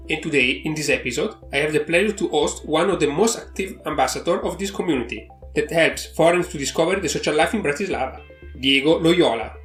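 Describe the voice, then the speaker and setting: A man hosting an interview podcast who talks with non-native phrasing and soft, trailing asides. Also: a little high, quick pace, echoey room, soft background music. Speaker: podcast host.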